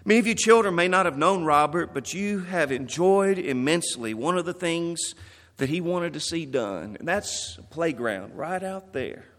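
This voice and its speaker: Man pastor, measured memorial sermon, slightly high voice, reverberant church sound. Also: expressive, a bit bright. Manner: earnest, measured, quoting scripture.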